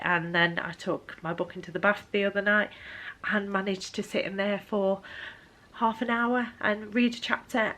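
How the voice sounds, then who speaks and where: A young adult woman, giving a casual book vlog update, tired, hesitant and full of ums. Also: mid-range voice. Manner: hesitant, lots of ums, soft and weary. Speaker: book vlogger.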